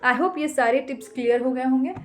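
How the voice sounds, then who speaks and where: This young Indian woman, an English teacher, talks casually and a bit quickly in a high voice. She drives her tips for learners home through emphasis and repetition, blending Hindi and English.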